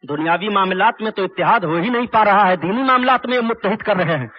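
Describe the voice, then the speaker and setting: A man preaches a fiery religious sermon in a very high, husky voice. He declaims hard and breaks into chanted Arabic quotations. The recording sounds dull and lo-fi. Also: lively intonation, fast talker. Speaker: Islamic preacher.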